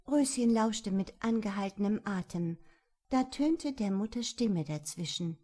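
Slow, gentle woman reading a storybook. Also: mid-range voice, lively intonation. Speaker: narrator.

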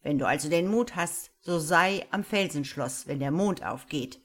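A woman's voice: sits low, moderate pace, a bit bright. A woman voicing a grim old male wizard who speaks in a stern, growling way.

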